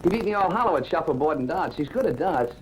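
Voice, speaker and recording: An actor playing a sarcastic ex-cop private detective with a Brooklyn accent, in 1940s film acting with a breezy, wisecracking delivery. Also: male voice, on the high side, expressive, quick pace, natural voice, low-quality recording. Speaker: private investigator. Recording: old film soundtrack with faint hiss.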